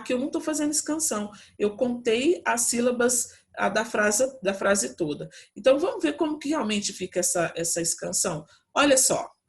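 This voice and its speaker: Woman teacher, Brazilian accent, patient step-by-step explaining, remote class from home. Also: on the high side. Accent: Brazilian Portuguese. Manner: explains patiently, lots of checking "né?" and "tá?". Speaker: Portuguese teacher.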